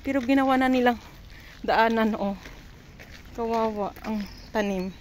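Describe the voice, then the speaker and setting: A woman's voice: fairly high pitch, unhurried. A woman chatting casually while walking outdoors and filming a vlog on a handheld phone, mixing English words into her talk. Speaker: vlogger. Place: outdoors on a street. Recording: noisy outdoor street sound.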